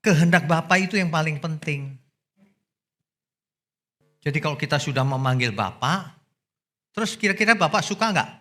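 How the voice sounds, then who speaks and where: A male pastor preaching a sermon, swinging from loud exclamations to low asides. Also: animated, moderate pace, long pauses. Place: church.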